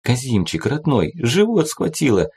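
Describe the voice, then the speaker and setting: A man's voice: mid-range voice, wildly swooping pitch, measured pace, vocal fry, a little mellow, breathy edge, pitched above the performer's own voice, full character voice. A man voicing a cunning young woman who wheedles and purrs theatrically. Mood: pleading. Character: cunning young redheaded woman, sly schemer.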